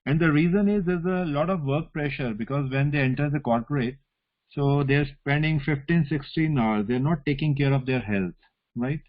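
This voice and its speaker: A man's voice: a little high, normal speed. A male academic with a North Indian accent explains things informally in an online teaching session. His phrases often end in small checking tags. The sound is a little dull, like call audio. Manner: explanatory, often adds "you know" and "right?" as tags. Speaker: academic lecturer. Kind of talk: informal online lecture with question and answer.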